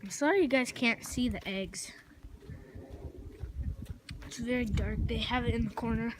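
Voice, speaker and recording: A woman's voice: fairly high pitch, a little slow, noisy background. A young woman vlogging as she collects eggs in a chicken coop, chatty and rambling, often correcting herself. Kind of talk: casual vlog narration. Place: chicken coop outdoors in the country.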